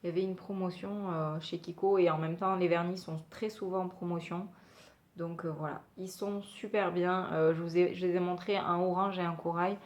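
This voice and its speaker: A woman's voice: on the low side, steady tone, moderate pace. A woman talking casually as a beauty vlogger, chatty and hesitant with many fillers. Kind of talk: casual product review.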